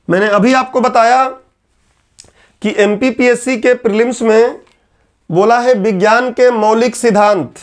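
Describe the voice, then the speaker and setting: A man's voice: extremely high pitch, clear, resonant tone. A man teaching an exam-preparation lecture, explaining step by step and asking and answering his own questions.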